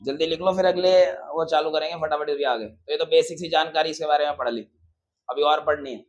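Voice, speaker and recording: A man with a high voice teaches a maths lesson to a room of students. He is lively and casual, calls them brother, and keeps asking the class questions before answering them himself. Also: fairly quick, muffled recording.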